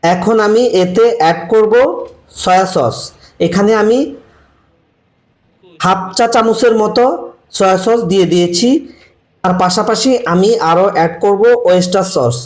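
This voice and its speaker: A man giving slow, repetitive step-by-step cooking instructions for a recipe. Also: sits high. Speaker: cooking channel host. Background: frying and sizzling from the pan.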